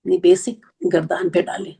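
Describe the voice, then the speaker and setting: A woman teaching an Arabic grammar class, explaining patiently step by step and counting slowly aloud. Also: lowish voice, little pitch movement, gravelly, dark tone, breathy edge. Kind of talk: online class lecture.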